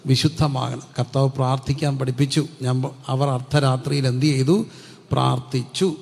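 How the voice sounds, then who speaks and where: A man's voice: mid-range voice, steady tone, moderate pace, creaky, a little mellow. A middle-aged man preaching a Pentecostal sermon, asking the congregation questions and answering them himself. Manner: call-and-response preaching, repeating questions to the congregation. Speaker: pastor. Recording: long hall reverb.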